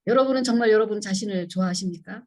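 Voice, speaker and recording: Talking very fast in a slightly mellow, mid-range voice, a middle-aged seminar speaker addresses a church women's gathering. She quotes her own past pleas and keeps asking the listeners questions.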